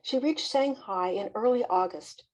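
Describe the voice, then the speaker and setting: Woman giving an expressive storytelling reading. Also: medium pitch, unhurried, low-quality recording. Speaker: fireside presenter. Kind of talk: reading a biographical narrative aloud.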